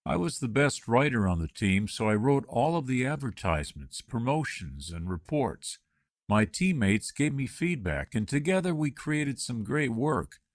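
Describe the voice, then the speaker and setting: Reading the candidate's lines from a scripted job-interview practice dialogue, this man has a mid-range voice with big swings in pitch. He keeps his delivery clear and measured. The sound is close and dry, with no room echo.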